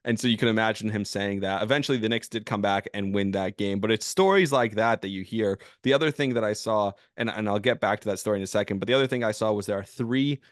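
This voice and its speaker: A man hosting a sports podcast, delivering an opinionated, emphatic monologue in a casual way that builds into loud bursts. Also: lowish voice, quick pace, hardly any pauses, dry recording, studio quality. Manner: casual with fillers and restarts.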